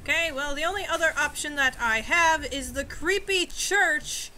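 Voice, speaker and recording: Young woman, high voice, bright, goofy sarcastic game commentary. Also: moderate pace, a little hiss or hum. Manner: goofy and sarcastic, mock-old-fashioned quips. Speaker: gamer. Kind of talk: let's-play commentary.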